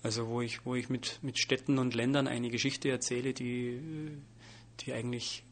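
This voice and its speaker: A man from Bavaria, a comedian, answering interview questions in a lively, animated way with frequent restarts and fillers. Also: mid-range voice, normal speed. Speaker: comedian and wordplay artist.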